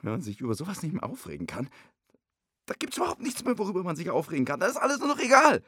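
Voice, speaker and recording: A jealous, hurt young man rants and swears, as a man reading an audiobook plays him. His voice is raspy and gravelly, and its pitch swings wildly. It is recorded dry and close. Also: wildly swooping pitch, fast talker, no room sound, full character voice. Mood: furious. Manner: agitated, shouting, swearing.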